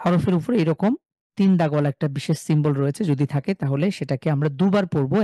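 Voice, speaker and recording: A man from Bangladesh teaching a live online class on reading the Quran. He explains in a relaxed way with many fillers and chants example syllables slowly. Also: on the high side, no room sound.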